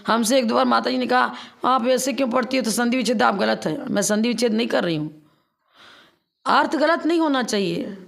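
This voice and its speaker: High gravelly-voiced woman teaching scripture. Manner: explains step by step, acts out chanting slowly. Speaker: Jain nun teacher. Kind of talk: religious discourse.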